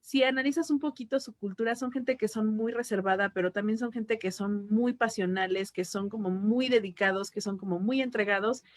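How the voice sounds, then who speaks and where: A woman reflects on learning languages in a calm, explanatory manner. Her voice is mid-pitched and sounds close and dry, with no room echo. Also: a little fast, few pauses. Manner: thoughtful, explanatory. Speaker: language teacher. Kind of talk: reflective educational talk.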